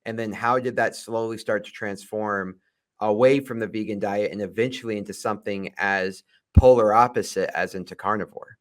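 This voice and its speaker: A man opens and guides a casual podcast interview. He sounds upbeat and a little rambling, filling his pauses with short words. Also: on the low side, steady tone. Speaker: podcast host.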